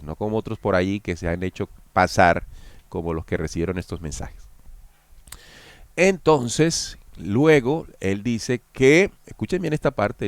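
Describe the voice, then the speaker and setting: Male host, lowish voice, dry sound; explanatory, talks straight to viewers. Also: dry recording. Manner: explanatory, addresses viewers directly. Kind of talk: analytical commentary.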